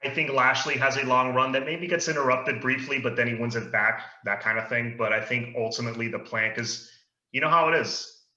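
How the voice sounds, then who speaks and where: A man's voice: medium pitch, a little fast, pushed and bright. A man co-hosting a podcast, chatting casually and giving easygoing opinions while he leads the discussion. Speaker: podcast co-host. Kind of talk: casual chat about wrestling. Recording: echoey room, dull lo-fi sound.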